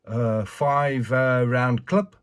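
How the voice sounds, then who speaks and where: A man's voice: mid-range voice, steady tone, drawn-out words, clean tone. An older man with missing teeth and slightly slurred consonants, giving a casual, chatty, rambling show-and-tell as a collector. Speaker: figure collector presenting a review.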